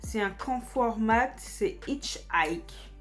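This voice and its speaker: A woman's voice: fairly high pitch, expressive, very slow, soft background music. A woman beauty vlogger talking casually and enthusiastically to her viewers while she does her makeup. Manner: chatty, enthusiastic, addresses viewers directly. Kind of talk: casual makeup tutorial chat.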